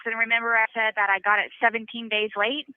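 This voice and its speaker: A woman's voice: on the high side, flat delivery, quick pace, clear, resonant tone, no echo. A woman calling from prison over a phone line, talking in a worried, complaining way. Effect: prison phone call line. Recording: tinny dry phone line.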